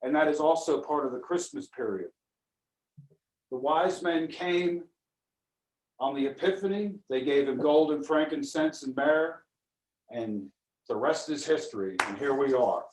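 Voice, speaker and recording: A man co-hosting an online holiday event, speaking to the group in a measured, reflective way. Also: on the high side, a little mellow. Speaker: co-host of the event. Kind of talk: speaking to a group on a video call. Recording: echoey room.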